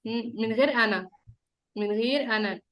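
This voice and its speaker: High-voiced Egyptian woman teaching small children. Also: brisk, fairly bright tone, a little hiss or hum. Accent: Egyptian Arabic. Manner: talking as to small children: simple questions, repeats, praise, coaxing. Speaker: teacher leading an online class of young children. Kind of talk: interactive lesson for small children. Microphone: computer or phone on a video call.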